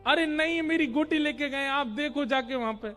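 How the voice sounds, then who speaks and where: A man's voice: very high-pitched, moderate pace, over music, pitched above the performer's own voice. A man voicing a small village boy who whines and pleads. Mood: whining. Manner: whining, pleading.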